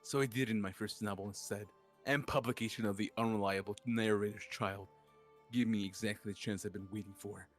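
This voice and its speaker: A man's voice: lowish voice, brisk, soft background music, natural voice. A man reading out a young male writer's murder confession in a murder mystery role-play. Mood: bitter. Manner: reads a dramatic confession in an even voice.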